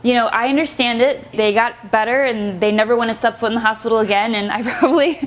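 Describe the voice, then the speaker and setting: A woman's voice: fairly high pitch, quick pace. A woman nurse hosting her channel, introducing a guest in an earnest, chatty way with frequent fillers. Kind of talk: casual introduction to camera.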